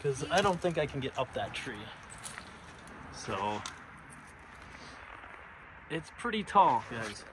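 A man narrates his exploration in a tense, half-whispered voice while filming on his phone. His pitch sits in an ordinary middle range, and there is steady noise behind him. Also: takes it slowly, pauses often. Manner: tense, hushed, talking to viewers. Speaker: urban explorer vlogger. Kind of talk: casual vlog narration. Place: inside an abandoned church. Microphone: phone camera. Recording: noisy phone recording.

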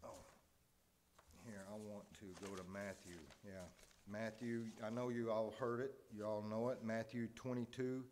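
Halting low-voiced preacher. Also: male voice, little pitch movement, darkish tone, a little hiss or hum. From Tennessee. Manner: halting, repeats words, earnest and confessional. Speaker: lay preacher. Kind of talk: informal sermon.

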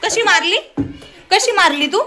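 A young Marathi-accented mother scolds her small son at home in a casual family vlog, exasperated and near tears. Her very high voice sounds pushed and bright, with lively intonation at a measured pace. The indoor phone recording is noisy.

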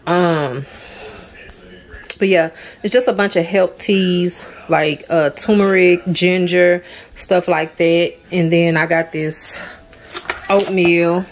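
A woman's voice: fairly low pitch, slow pace, a little hiss or hum. A woman in her thirties chatting casually in a home vlog while she cleans and organizes her kitchen, rambling and often saying "so yeah", picked up by a camera on a tripod across the room. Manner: relaxed, rambling, repeats "so yeah". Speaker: vlogger.

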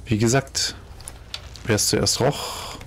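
A man's voice: lowish voice, steady tone, slow, a bit bright, a little hiss or hum. A German man giving casual let's play commentary, chatty and thinking aloud, exclaiming over loot as he finds it.

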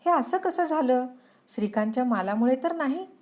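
Woman reader doing a betrayed young woman, loud and high, accusing. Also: lively intonation, moderate pace. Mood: shocked.

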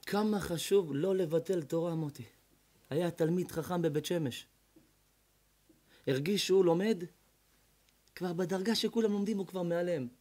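High-voiced rabbi telling a dramatic story. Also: male voice, pauses often. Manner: dramatic, voicing characters in the tales with big swings in loudness. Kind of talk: storytelling sermon. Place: evening lecture before an audience.

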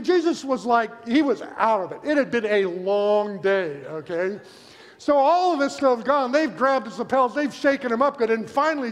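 A man preaching a sermon as pastor, telling the story with animated energy and acting out the characters in quotes. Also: very high-pitched. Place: church sanctuary. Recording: long reverb of a church hall.

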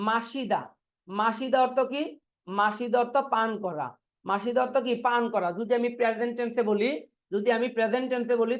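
A man from Bangladesh teaches a Korean language class online, drilling students by asking the same questions again and again and answering them himself. His voice is very high, and the sound is lo-fi.

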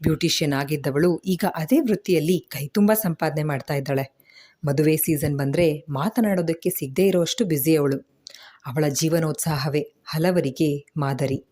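A woman telling a story in a steady, expressive reading voice. Her tone is low, dark and husky. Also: normal speed. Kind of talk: scripted story narration.

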